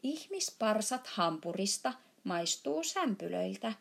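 A big friendly giant voiced by a woman rumbles and booms through a storybook reading, tripping over his own words. He is muddled and good-natured, prone to sudden shouts. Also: sing-song, vocal fry. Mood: booming muddled. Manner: jumbled grammar, booming shouts.

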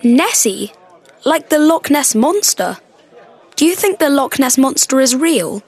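Brief: a woman playing an eager, polite boy tourist, high and lively voice. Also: a little slow, some chatter behind, heavily acted. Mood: curious. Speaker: character in a textbook dialogue.

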